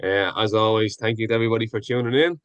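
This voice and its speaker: A man hosting a podcast, opening the show in an upbeat, quick way and thanking his guest. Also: fairly low pitch, steady tone, fairly bright tone, clean tone, no echo. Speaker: podcast host. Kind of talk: casual podcast intro.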